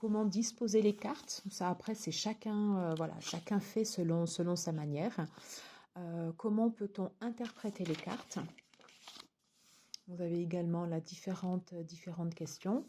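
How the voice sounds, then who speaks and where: A woman's voice: on the low side, fairly even intonation, a little slow, warm tone, slight background noise. A woman casually reviewing a tarot deck and its guidebook, chatty, with many fillers and restarts.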